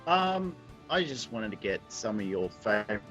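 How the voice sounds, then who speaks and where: A man's voice: on the low side, very animated, moderate pace, fairly bright tone, soft background music. A man calling in over a choppy, cutting-out internet call, speaking hesitantly and trailing off. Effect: breaking-up internet call. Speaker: caller. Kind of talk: casual chat. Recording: dull, distant call audio.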